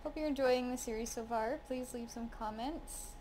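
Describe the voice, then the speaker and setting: A woman's voice: on the high side, moderate pace, warm tone, a little hiss or hum. Curious woman co-hosting a game video. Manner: asks simple curious questions. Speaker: co-host playing alongside her child. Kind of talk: casual gaming chat.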